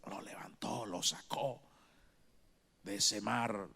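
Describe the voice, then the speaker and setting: A middle-aged man preaching a sermon as pastor, repeating phrases for emphasis with sharp swings in loudness. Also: lowish voice, fairly even intonation, slow, gravelly, husky. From Bolivia.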